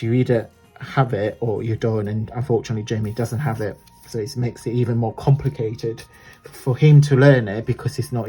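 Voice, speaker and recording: A mellow, husky, medium-pitched male voice belongs to a craft vlogger with an Italian accent. He walks through a crafting tutorial in a loose, chatty way, rambling and self-correcting as he goes and laughing often.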